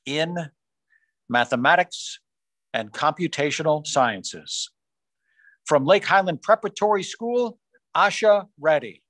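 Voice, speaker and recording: A man formally reading out science fair award winners on a video call, rising in pitch on each school name. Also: lively intonation, a bit bright, dry recording. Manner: measured, formal announcing, rising on school names. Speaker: awards announcer. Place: small room on a video call. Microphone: video call microphone.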